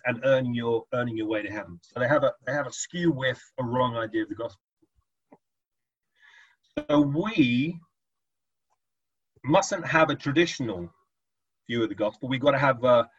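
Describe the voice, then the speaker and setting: A man's voice: mid-range voice, husky. A man giving an informal teaching talk about evangelism, with many restarts and repeated words. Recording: dull lo-fi sound.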